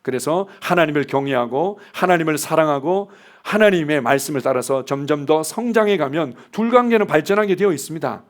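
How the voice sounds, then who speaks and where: A man's voice: on the high side, animated, fairly quick, few pauses. A middle-aged man preaching a sermon in a conversational way, acting out what spouses say to each other. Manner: conversational preaching, acts out spouses' lines in quotes. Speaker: pastor.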